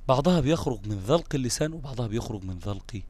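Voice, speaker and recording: An Egyptian man gives a live online lesson on how Arabic letters are pronounced. He explains step by step, repeats each key term and keeps checking that his students are following. His voice sits at an ordinary middle pitch and sounds close and dry, with no room around it. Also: lively intonation, racing, darkish tone, no room sound. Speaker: Quran recitation teacher.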